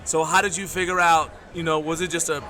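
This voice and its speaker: A man's voice: on the high side, level tone, fairly quick, sharp tone, a little hiss or hum. A man hosting a livestream, casually interviewing a competitor at a powerlifting meet. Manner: chatty, friendly questioning. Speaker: livestream host interviewing lifters. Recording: crowd chatter behind.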